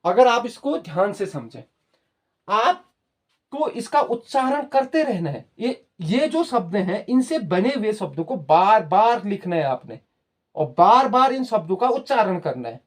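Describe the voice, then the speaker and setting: A male teacher giving a slow, careful lesson. His pitch rises and falls a lot as he stresses each word. He talks to his viewers as children and keeps repeating things patiently. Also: sing-song. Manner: slow, explaining patiently to students, repeating words. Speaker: Hindi teacher. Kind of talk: spoken grammar lesson.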